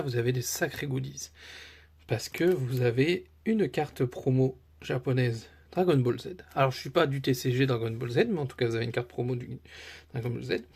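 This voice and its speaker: Husky chatty French-speaking collector man. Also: mid-range voice, darkish tone. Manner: chatty and enthusiastic, many fillers and restarts. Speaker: card collector YouTuber. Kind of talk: casual chat to camera.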